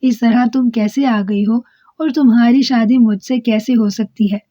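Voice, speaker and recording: A woman's voice: fairly high pitch, steady tone, dark tone, no echo, lightly acted. A woman voicing a princess's young lady companion, puzzled and questioning.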